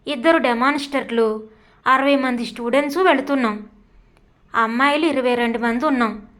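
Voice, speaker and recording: Woman doing a young college girl, teasing, stubborn, quick retorts, high voice, storybook reading. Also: a bit bright.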